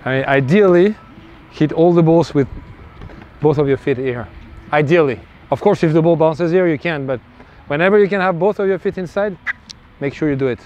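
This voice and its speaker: A male tennis coach talks a player through drills on an outdoor court, with a somewhat high voice and quick calls of praise. The recording is muffled and lo-fi. Faint traffic and outdoor noise sit behind him. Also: a little mellow. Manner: encouraging, short bursts of praise.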